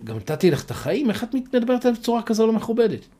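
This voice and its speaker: A man's voice: mid-range voice, lively intonation, warm tone, husky. A man voicing an elderly, easily fooled old man who protests indignantly in a spoken folk tale. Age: older. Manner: indignant, complaining.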